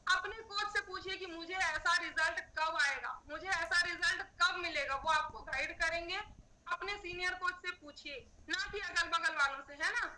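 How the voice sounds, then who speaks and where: Bright high-voiced woman hosting a wellness call. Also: normal speed, a little hiss or hum, poor audio. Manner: coaxing, repeats "है ना" to the audience. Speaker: wellness club host. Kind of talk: online motivational session hosting. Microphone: video call.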